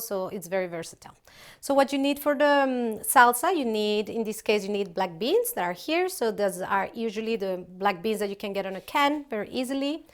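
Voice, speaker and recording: Her voice is medium in pitch as she, a middle-aged Colombian company founder, casually demonstrates a recipe in a big open kitchen. She chats freely, often saying um and restarting her sentences.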